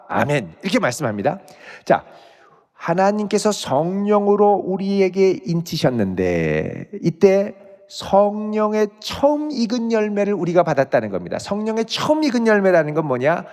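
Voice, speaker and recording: A male pastor giving an expository sermon, reading scripture aloud and explaining it verse by verse. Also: high-pitched. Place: church sanctuary. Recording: church sanctuary with long reverb.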